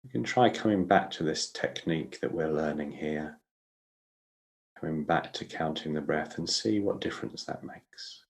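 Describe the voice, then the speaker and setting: Low-voiced man guiding slow breath counting meditation. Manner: slow, measured, instructional delivery with pauses. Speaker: meditation teacher.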